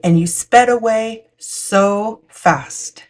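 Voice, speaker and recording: A woman hosting a picture book read-aloud narrates a children's story at storytime. Her voice is mid-range and she reads very slowly.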